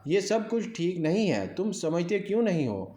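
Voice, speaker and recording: A man's voice: high-pitched, sing-song, warm tone. A man voicing a stern middle-aged aunt who scolds her young nephew, read in a storybook telling. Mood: stern scolding. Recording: echoey room.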